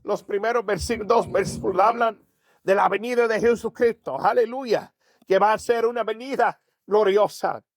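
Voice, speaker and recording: A man's voice: high voice, moderate pace, no echo, studio quality. A man preaching a sermon as pastor, often asking his congregation rhetorical questions.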